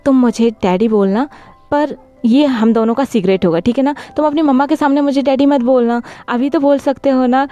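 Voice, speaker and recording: Woman doing a soft caring dad, gentle and reassuring, smooth mellow voice. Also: high voice, moderate pace, faint music behind, close to an everyday voice. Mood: tender. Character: tender loving father, grown man. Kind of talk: retold story dialogue.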